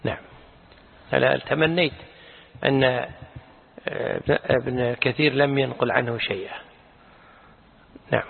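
A man teaching as a sheikh, commenting on a reading and correcting pronunciation in an unhurried way, with frequent short affirmations. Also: medium pitch, vocal fry. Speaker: sheikh teaching a tafsir class. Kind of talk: explaining and correcting a reader. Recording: tinny phone-like lecture recording with long hall reverb.

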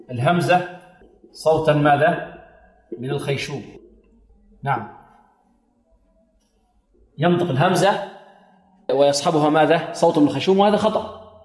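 A man teaching Quran recitation. He asks his students questions, answers them himself and chants short demonstrations. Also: on the high side. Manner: asks the class questions and answers them, repeats a blessing often. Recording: roomy hall with long reverb.

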